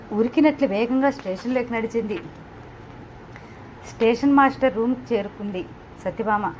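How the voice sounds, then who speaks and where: An audiobook narrator reads a novel aloud, telling the story and voicing every character in much the same way. Her voice is a little high with a darkish tone. It is a slightly dull, lo-fi home recording with slight background noise.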